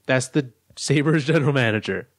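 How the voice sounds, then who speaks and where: A man's voice: medium pitch, lively intonation, moderate pace, dry recording. Dry-sounding analytical man co-hosting. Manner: analytical, lays out arguments step by step. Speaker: podcast co-host. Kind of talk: casual sports chat.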